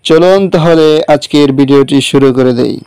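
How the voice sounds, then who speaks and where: A man teaching Quran letters, spelling them out slowly and deliberately one by one. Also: on the high side, dark tone, clean tone, no echo, rough recording. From Bangladesh. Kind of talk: Quran letter recitation lesson.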